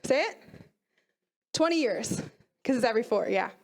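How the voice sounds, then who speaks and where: High-voiced energetic woman coach. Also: moderate pace. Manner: energetic, asks the audience questions. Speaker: mental performance coach. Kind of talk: motivational talk to a youth team.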